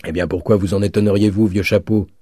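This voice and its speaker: A man's voice: fairly low pitch, steady tone, fast, dark tone, no room sound, clean studio sound, close to an everyday voice. A male narrator voicing a cynical, worldly middle-aged man with a sardonic, knowing manner. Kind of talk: audiobook reading.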